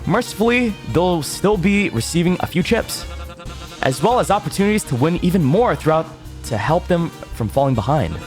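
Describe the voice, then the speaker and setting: A man voicing a showy game show host with a booming, theatrical prize announcer delivery. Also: big pitch swings, normal speed, soft background music. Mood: grand, showy. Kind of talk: scripted game show presenting.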